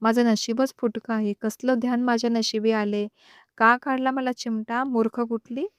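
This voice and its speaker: A woman voicing a short-tempered young husband in an audio story, scolding and shouting at his wife. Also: fairly high pitch, flat delivery, moderate pace, clear, resonant tone, no room sound, studio quality, natural voice. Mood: angry shouting.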